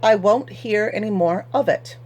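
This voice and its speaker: A woman voicing a stubborn, pious farmer who speaks firmly and flatly in courtly old-fashioned words. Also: mid-range voice, normal speed, breathy edge, lightly acted. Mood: firm courteous. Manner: firm, flat, stubborn. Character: stubborn, pious middle-aged male farmer.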